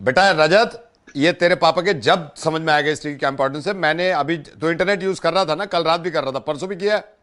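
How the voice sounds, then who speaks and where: A man's voice: fairly high pitch, fast, fairly bright tone. A middle-aged man making a prank phone call, posing as a family friend, earnest at first and then teasing, his voice climbing as he gets worked up. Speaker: radio prank caller.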